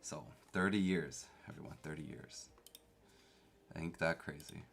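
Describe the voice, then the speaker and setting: Speaking with a very deep, slightly bright voice and some vocal fry, this young man takes his time and keeps his intonation fairly even. He's a Canadian raised with Korean at home, chatting casually with stream viewers, reading their messages out loud and defending himself playfully.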